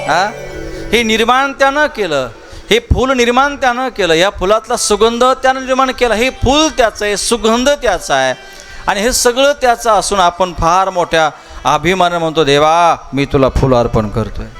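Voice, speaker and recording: Soft music plays behind a kirtan preacher recounting the Shiv Mahapuran katha to a big festival audience. His high, slightly bright voice is expressive and moderately paced, and with his Marathi accent he fills the sermon with rhetorical questions and repetition.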